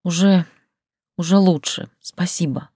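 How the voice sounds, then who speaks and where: A woman reading an audiobook, voicing a frightened young heroine in a high, tearful, pleading voice. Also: a little slow, dark tone, husky, no room sound, clean studio sound.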